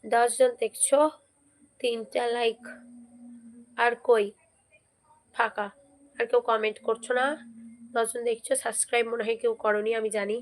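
A hoarse woman hosting a casual live stream, chatting and repeatedly urging viewers to comment and subscribe. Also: fairly high pitch, flat delivery, moderate pace, pauses often.

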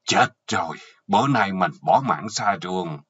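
Casting: a man playing a panicked older husband begging, Southern Vietnamese accent, low and husky. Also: lively intonation, normal speed, fairly bright tone, no room sound, exaggerated voice. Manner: pleading, frightened. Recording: dull lo-fi audio.

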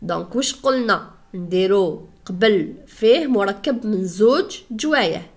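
A woman's voice: mid-range voice, animated, moderate pace. A woman with an Algerian Arabic accent explains grammar to a class. She asks the students questions and then answers them herself, one step at a time. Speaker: French teacher.

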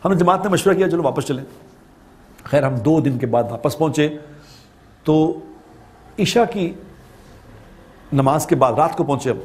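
A man's voice: fairly high pitch, expressive, long pauses, a little mellow. A man from Pakistan giving a religious talk, telling a story with repeated phrases for emphasis. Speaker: preacher.

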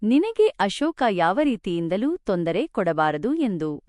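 A woman voicing a gentle, patient elderly mother-in-law who speaks softly and soothingly in a spoken storybook. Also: mid-range voice, very animated, measured pace, no room sound, clean studio sound. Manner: soft, soothing.

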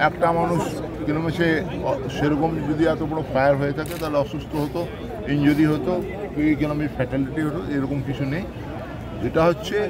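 An older man, a former fire official, gives halting, improvised answers to reporters outdoors, slipping in English phrases. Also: fairly high pitch. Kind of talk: impromptu press statement. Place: outdoors at a busy street scene. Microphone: press microphones held close. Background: crowd noise.

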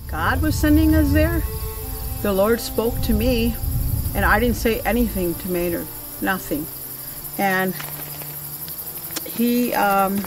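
A woman's voice: mid-range voice, far from the mic, rough recording. A middle-aged woman from Red Lake Nation, the pastor's widow, speaking fervently and emphatically about her faith outdoors. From Red Lake Nation, Minnesota. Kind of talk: testimony interview. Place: outdoors by a new church. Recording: voice from off the mic, music underneath.

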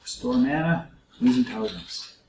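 A man talks his viewers through a game in a relaxed, musing way, addressing them directly as he plays. His voice sits at an ordinary middle pitch. The room gives it a noticeable echo, with faint background clatter. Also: normal speed, slight background noise. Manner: chatty, musing aloud to viewers. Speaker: let's play host. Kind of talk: casual gameplay commentary.

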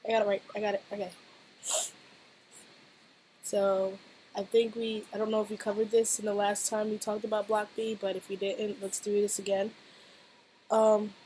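A woman's voice: mid-range voice, flat delivery, normal speed, pauses often, warm tone, a little hiss or hum, low-quality recording. Chatty woman rambling through a reaction. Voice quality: hoarse-sounding. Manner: chatty, rambling, laughs often. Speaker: reaction video host. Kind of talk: casual reaction vlog chat.

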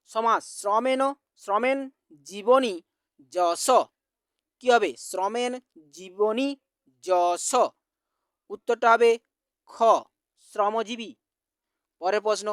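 A teacher from West Bengal slowly reading out exam quiz answers, repeating each question. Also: mid-range voice, no room sound, studio quality.

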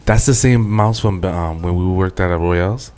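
A man's voice: low-pitched, normal speed, darkish tone, clean tone. A man with a New York accent co-hosting a podcast, chatting casually and teasing with jokes. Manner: teasing, joking banter. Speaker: podcast co-host. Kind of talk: casual chat.

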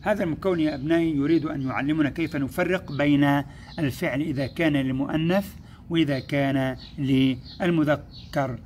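Male schoolteacher, slightly high voice, patient step-by-step lesson delivery, faint hiss on the track. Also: darkish tone. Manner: patient, explains step by step, slows to sound out syllables; addresses pupils as "my sons", praises them. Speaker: first-grade Arabic teacher. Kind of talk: recorded classroom lesson.

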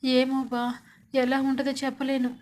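A sore, feverish wife who whimpers and moans, played by a woman narrator. Her voice is fairly high and whiny, in a storybook-style soap recap. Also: completely flat delivery, measured pace, darkish tone, slight background noise. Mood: moaning. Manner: moaning, whiny.

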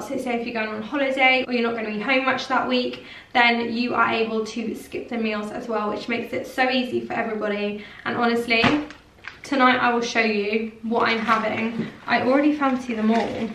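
A woman's voice: on the high side, fairly bright tone. A woman in her twenties chatting enthusiastically to camera in a lifestyle vlog, full of likes and literallys. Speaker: lifestyle vlogger. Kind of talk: casual vlog chat to camera. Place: home and shops, indoors. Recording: roomy sound, distant mic, clear background noise.

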